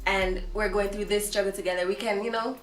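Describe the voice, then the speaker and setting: A woman's voice: mid-range voice, fairly even intonation, fairly quick, slight background noise. A young woman, an international student, speaking in a heartfelt way in an interview testimonial. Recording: roomy echo.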